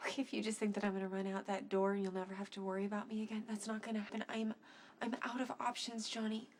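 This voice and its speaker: A woman's voice: medium pitch, level tone, fast, noisy background, close to an everyday voice. An actress playing a desperate, obsessive woman doctor who pleads intensely in a soap opera. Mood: desperate, defiant. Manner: pleading, intense, breathy urgency. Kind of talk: soap opera dramatic acting.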